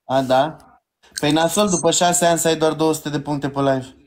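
A man's voice: on the high side, fairly even intonation. A man on a live stream, playfully boasting and trading jabs with the host. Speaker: livestream co-host. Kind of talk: casual livestream banter.

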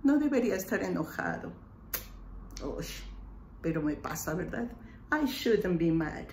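A woman English teacher, patiently explaining grammar and slowly repeating example phrases. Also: on the low side, very animated, darkish tone, roomy sound, a little hiss or hum. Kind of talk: online lesson explaining grammar.

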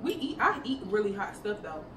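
Filmed by a camera a few meters away, with noisy, echoey, distant sound, a young woman sits on her sofa indoors doing a noodle eating challenge. She chats in a sing-song, medium-pitched voice at a fairly quick pace, blunt, slangy, and full of swearing.

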